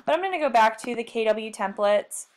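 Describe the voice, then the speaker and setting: A woman leading a screen-share software tutorial as a marketing trainer, chatty and self-deprecating, thinking aloud as she clicks through. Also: on the high side, lively intonation, a little fast.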